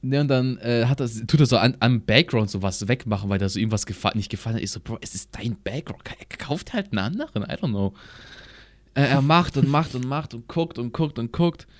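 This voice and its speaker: A man's voice: medium pitch, a little fast, no echo. A young man in casual chat, telling a rambling, slang-heavy anecdote and acting out both sides of the conversation. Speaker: podcast co-host. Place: at his home computer.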